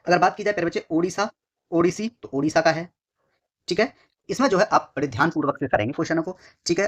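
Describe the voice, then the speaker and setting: Man, exam tutor, dictating notes, repetitive, dull recording, pen scratching behind. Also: on the high side. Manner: repetitive, dictating slowly while writing; addresses students fondly and often. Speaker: exam coaching teacher. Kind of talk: whiteboard lesson.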